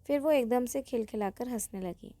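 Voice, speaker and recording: A woman's voice: on the high side, moderate pace, dark tone, no echo. A woman narrating a story in the first person, in a plain conversational storytelling way.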